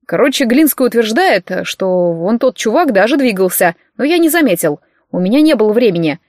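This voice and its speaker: A woman's voice: on the high side, sing-song, fairly quick, a little mellow, no room sound, studio quality. A woman reading the lines of a cocky, teasing young man who jokes smugly. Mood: joking. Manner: teasing, joking, smug.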